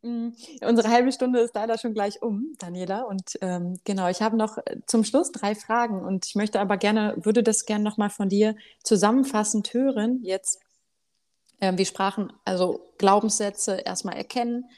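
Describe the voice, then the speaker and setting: A woman hosting an interview, friendly and quick to laugh, summing up and asking her guest questions. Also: mid-range voice, steady tone, a little mellow. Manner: friendly, laughs often, sums up and asks questions. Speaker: host. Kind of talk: interview host.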